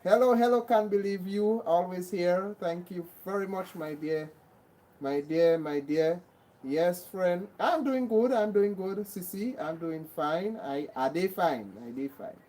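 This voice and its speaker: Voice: mid-range voice, a little slow, mellow, rough recording. A livestream host with a Grenadian accent, chatting casually and greeting and thanking viewers by name, often repeating herself.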